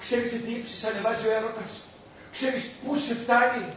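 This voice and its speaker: A man acting in an old film, talking fast and excitedly and boasting on the phone. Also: very high-pitched, a little hiss or hum. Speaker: struggling actor calling his mother. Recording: old film soundtrack, echoey and dull, from far off.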